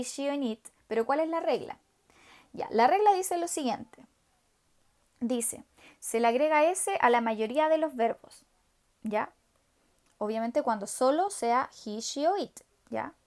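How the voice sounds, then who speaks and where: A woman teaches an English grammar lesson in a somewhat high voice. She explains slowly and patiently, repeating the examples and pausing to ask whether her students are following. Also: darkish tone. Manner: patient, repetitive, checks understanding with "¿ya?". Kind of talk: recorded online class explanation.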